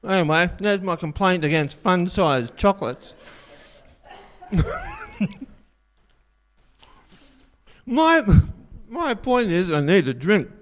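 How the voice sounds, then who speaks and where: A man preaching a sermon in a church, a jokey, animated storyteller. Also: high-pitched.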